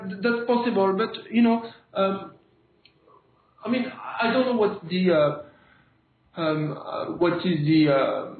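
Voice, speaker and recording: A man from France with a French accent, a native French speaker, speaking haltingly and searching for words as an interview guest. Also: a little high. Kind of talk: conversational political interview. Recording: phone-like, thin, echoey line.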